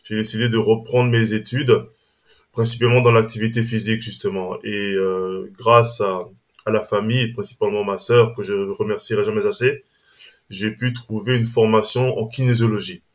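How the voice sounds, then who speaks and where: Guy strasbourg on a podcast, lowish voice, hesitant, keeps restarting. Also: fairly even intonation, normal speed. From Strasbourg, France. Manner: hesitant, restarts phrases, says "on va dire" often. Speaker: podcast guest. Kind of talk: casual interview chat.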